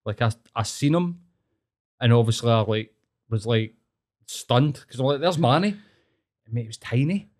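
A man's voice: mid-range voice, normal speed, long pauses, a little mellow. Glasgow guy, proper street accent and slang, swears loads, just chatting and telling stories. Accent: Glaswegian. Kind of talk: casual chat, telling anecdotes.

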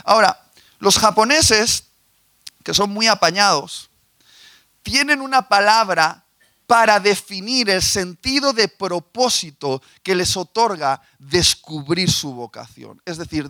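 A man's voice: sits high, sharp tone, no room sound. A man preaching a sermon, asking his listeners questions and telling a fable. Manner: asks the audience questions, tells a fable.

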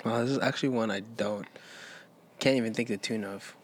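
A woman's voice: rumbling low, brisk, slight background noise. A woman in casual chat during a lyrics guessing game, teasing, laughing often and correcting firmly.

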